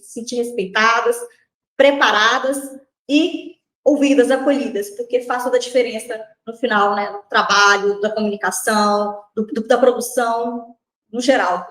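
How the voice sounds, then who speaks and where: A woman's voice: fairly high pitch, fairly bright tone, reverberant, rough recording. A woman from Brazil, a corporate trainer, explaining her ideas in list-like phrases often closed with "né". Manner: measured, list-like explanations, frequent "né". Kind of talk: interview answers.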